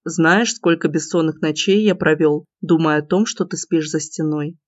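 A woman voicing a cocky young man who teases in a low, smirking murmur, in a dull, slightly lo-fi recording. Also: steady tone, moderate pace, no echo. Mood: teasing. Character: cocky teasing young man, the heroine's lover.

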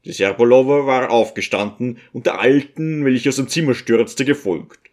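Guy reading an old novel aloud, calm measured audiobook narration. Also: medium pitch. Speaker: audiobook reader. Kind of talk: scripted narration.

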